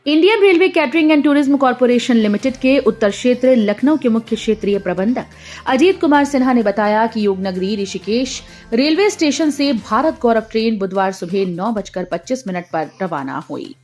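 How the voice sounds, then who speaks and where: A woman's voice: on the high side, moderate pace. Woman reading news headlines over music. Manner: steady formal headline delivery. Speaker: news reader. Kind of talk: scripted news bulletin reading.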